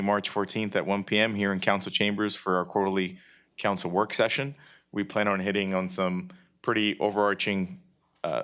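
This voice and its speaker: A man reading city announcements to a council meeting in a steady, businesslike way. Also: lowish voice, clear, resonant tone. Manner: steady, businesslike, some fillers. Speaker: city staff member giving announcements.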